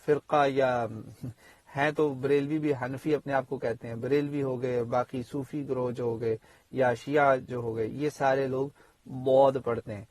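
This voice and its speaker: A man teaches tajweed in a conversational, explanatory way. His voice sits at a middling pitch, close and dry with no room sound. He wanders into asides and fills his pauses as he goes. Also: flat delivery, a little mellow, dry recording. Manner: explanatory, full of fillers and asides. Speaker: Quran teacher and imam. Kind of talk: spoken tajweed lesson.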